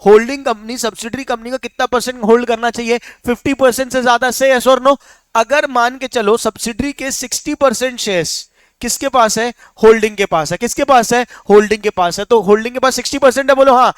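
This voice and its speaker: A young man teaching a class, his voice high and smooth. He keeps quizzing the students with rapid questions and slips English terms into the lesson. The recording is close and dry. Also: fairly even intonation, no echo. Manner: mixes English terms into speech. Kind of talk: classroom lecture.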